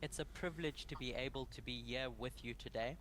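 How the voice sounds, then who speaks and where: A young man from Zimbabwe leading a prayer and a Bible study, speaking in short measured phrases with pauses for an interpreter. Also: mid-range voice, a bit bright. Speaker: guest Bible study presenter.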